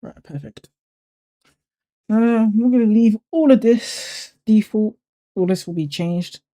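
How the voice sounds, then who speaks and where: Man, deep dark tone, relaxed tutorial narrator who thinks aloud. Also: takes it slowly. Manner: relaxed, thinking aloud with fillers and self-corrections. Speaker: YouTuber walking through a code editor setup. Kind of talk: casual screen-recording tutorial.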